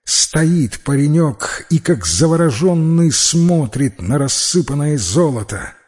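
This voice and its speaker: A man narrating a fairy tale as an audiobook, in slow, even storytelling. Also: fairly high pitch.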